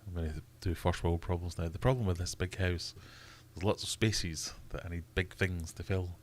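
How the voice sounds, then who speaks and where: A man's voice: sits low, steady tone, normal speed, slight background noise. A Scottish man hosting a casual livestream, chatting and reading viewer comments aloud with frequent laughs. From Scotland. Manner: chatty, laughs often, reads chat aloud. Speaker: livestream host.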